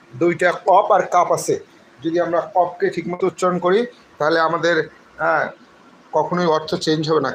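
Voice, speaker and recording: A man teaching Quran recitation in a live lesson, spelling out letters and vowel marks and chanting the verses slowly. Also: a little high, a little hiss or hum, low-quality recording.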